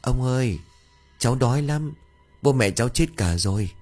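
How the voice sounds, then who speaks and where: A man voicing an eerie, hungry little ghost girl who speaks softly and plaintively. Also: medium pitch, animated, moderate pace, soft background music, voice pushed up, lightly acted.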